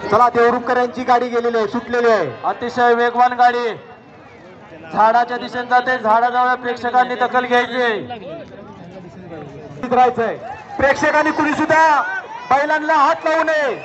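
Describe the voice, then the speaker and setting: High-voiced man announcing over a loudspeaker. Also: moderate pace, long pauses, noisy background. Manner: steady announcing cadence, repeats times and warnings. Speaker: race announcer. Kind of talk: live race commentary and results calling. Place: outdoor race ground. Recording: lo-fi loudspeaker sound over a crowd outdoors. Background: large crowd.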